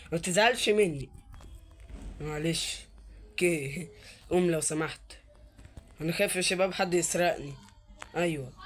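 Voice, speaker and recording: A man with an Egyptian Arabic accent doing casual gameplay commentary. He is chatty and excitable, talks straight to his viewers, and repeats words under his breath while he searches. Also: sits high. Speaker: gaming YouTuber.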